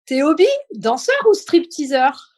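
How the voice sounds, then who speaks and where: High-pitched woman hosting an informal interview. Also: expressive, a little slow, darkish tone. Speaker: interview host. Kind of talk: live online interview, quiz-style questions then conversation.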